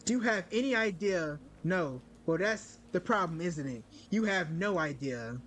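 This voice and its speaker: A man reading the lines of a stern, cold woman in a story game, a bit lower and clipped. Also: lively intonation, a little slow, fairly bright tone, a little hiss or hum.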